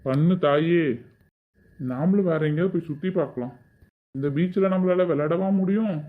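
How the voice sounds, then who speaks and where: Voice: mid-range voice, normal speed, natural voice. A performer playing a dismissive father who grumbles at his wife in an amateur audio drama. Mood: grumbling. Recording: thin, phone-like sound.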